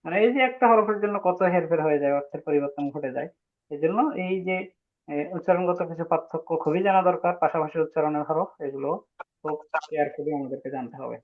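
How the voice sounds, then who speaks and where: A man leads an online pronunciation lesson, stretching each sound slowly and asking students to repeat. His voice sits high. It comes through a tinny, phone-like line. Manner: patient, drawn-out demonstration of sounds, calls on students. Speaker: Arabic alphabet teacher. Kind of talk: online class teaching pronunciation.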